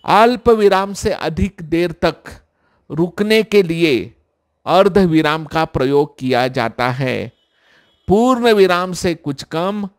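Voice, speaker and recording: A male college lecturer giving a recorded lesson, who explains slowly and repeats key sentences. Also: high-pitched. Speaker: Hindi lecturer.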